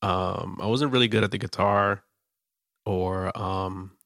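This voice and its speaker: A man's voice: deep voice, fairly even intonation, slow, gravelly, a bit bright, no room sound, studio quality. A young man hosting a casual chat, joking loosely with lots of fillers. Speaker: podcast host.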